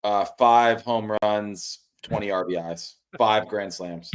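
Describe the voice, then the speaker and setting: A man co-hosting a sports betting podcast in casual chat, blunt and dismissive with a deadpan, teasing manner. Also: lowish voice, slow, clear, resonant tone.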